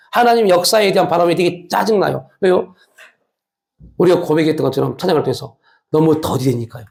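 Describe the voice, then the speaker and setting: A male pastor delivering a sermon with steady emphasis. He keeps asking his listeners rhetorical questions and answering them himself. His speech is frank and colloquial, with casual asides set among earnest exhortations. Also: sits high, vocal fry.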